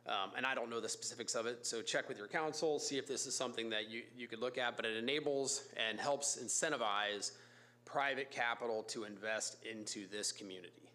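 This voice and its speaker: Raspy from a cold yet bright and forceful in tone, a male company executive addresses a city council during public comment in the council chamber. He delivers a brisk, casual business pitch, stumbling through fillers and restarts.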